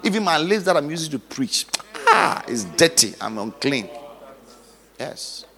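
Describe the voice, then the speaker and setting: A male pastor preaching dramatically, moving from hushed storytelling to loud exhortation. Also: fairly high pitch, sing-song, a little slow. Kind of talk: sermon. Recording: long hall reverb.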